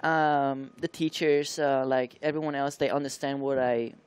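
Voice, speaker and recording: A young adult man raised in Taiwan answers studio interview questions about being a motocross rider. His voice is mid-range and steady, but he halts, searches for words, and uses many fillers.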